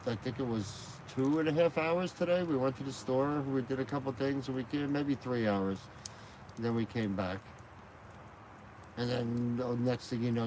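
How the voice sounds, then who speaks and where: A man with a medium-pitched voice rambles through a casual live stream, chatty and quick to laugh. He's beside a fire outdoors at night, filming with a phone on a gimbal, and the background is noisy.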